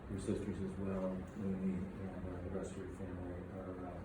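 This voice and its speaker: A middle-aged man hosts a ceremony informally, with a halting delivery full of pauses. His voice is lowish and very even in pitch, heard in an echoey space. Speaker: military officer presiding over a commissioning ceremony. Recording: echoey, distant mic, noisy room tone.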